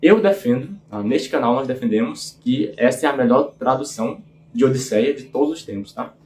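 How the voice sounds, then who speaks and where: A man's voice: mid-range voice, expressive, fairly quick, a little mellow, roomy sound. A man hosting a book channel, talking informally and earnestly with lots of filler tags. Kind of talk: casual book review talk.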